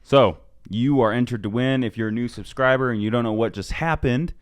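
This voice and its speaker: A man's voice: mid-range voice, fairly quick, dry recording, clean studio sound. A man co-hosting a casual sports podcast. He speaks in an easygoing way, with many fillers, and often trails off. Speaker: co-host.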